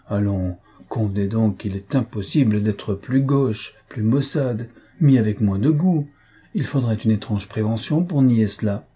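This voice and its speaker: A man voicing a vain, foppish young gentleman who talks in an affected, mocking, chatty way. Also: lowish voice, measured pace, husky.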